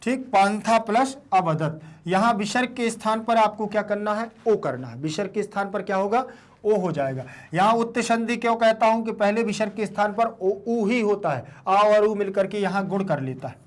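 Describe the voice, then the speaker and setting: A man teaching a lesson in a raised, high voice. He works through each step patiently, repeats every question back as he answers it, and sounds out words one syllable at a time. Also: normal speed. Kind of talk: classroom explanation.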